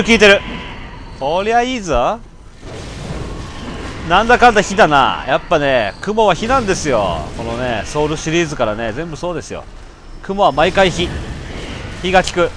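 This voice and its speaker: A man talks his way through a video game in rough, casual speech. His voice sits a little high and leaps all over the place. He bursts into panicked shouts and stammers when things go wrong, with a faint hiss of noise behind him. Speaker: gameplay commentator. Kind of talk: casual let's-play commentary.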